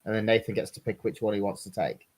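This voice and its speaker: A man's voice: fairly low pitch, fairly even intonation, fast. Hesitant man explaining game rules. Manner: hesitant, apologetic. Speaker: player.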